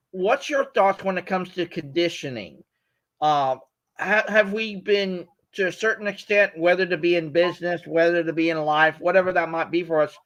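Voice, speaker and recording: Bright high-voiced male host. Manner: enthusiastic, stumbles and repeats words. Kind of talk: live stream interview. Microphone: video call.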